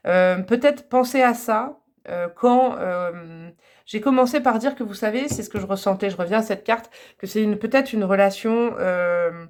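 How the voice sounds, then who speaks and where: A woman's voice: mid-range voice, moderate pace, darkish tone. A woman giving a casual tarot reading to camera, chatty and rambling, with frequent fillers and small laughs. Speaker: tarot card reader.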